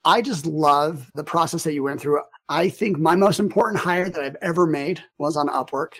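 A man's voice: fairly high pitch, normal speed. Male podcast host, easygoing interviewer, lots of "uh"s and restarts. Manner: chatty, lots of fillers and restarts. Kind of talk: casual interview.

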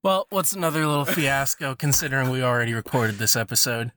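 A man's voice: mid-range voice, lively intonation, fast. A man chatting as a podcast guest from a laundry room, joking and rambling. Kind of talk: casual chat. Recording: noisy laundry room recording.

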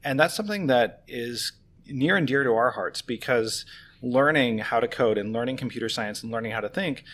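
A man's voice: medium pitch, normal speed, fairly bright tone, slight background noise. A man hosting a podcast about teaching, talking conversationally as a coder who teaches. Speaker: podcast host, coding teacher.

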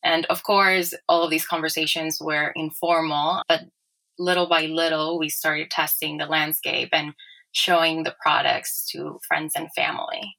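A woman in her twenties from Ecuador talks through her company in a measured, articulate interview. Her voice sits low and carries a gravelly texture. The tone is bright and forward. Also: level tone, rough recording. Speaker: company co-founder. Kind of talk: interview answers.

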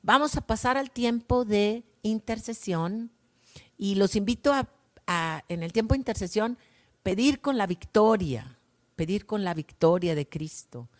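A woman gives a slow, prayerful gospel reflection as a worship leader, often softening to a hush at the ends of lines. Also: mid-range voice, expressive.

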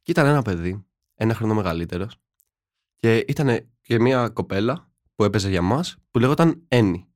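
A young man co-hosts a casual podcast, spinning slangy, tongue-in-cheek stories. His voice sits on the low side and the sound is dry and close. He keeps an ironic edge. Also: lively intonation, a little mellow, no room sound. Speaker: podcast co-host. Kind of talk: casual chat.

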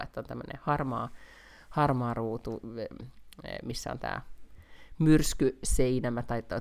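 Very low-voiced chatty Finnish woman. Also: gravelly. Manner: chatty, many fillers, playful teasing. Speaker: podcast co-host. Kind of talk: casual chat. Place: Helsinki.

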